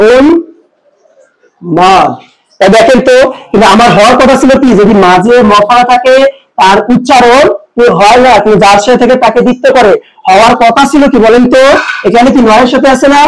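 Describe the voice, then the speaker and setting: High-voiced man teaching. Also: low-quality recording. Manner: asks students rhetorical questions, repeats key words slowly. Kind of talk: pronunciation lesson.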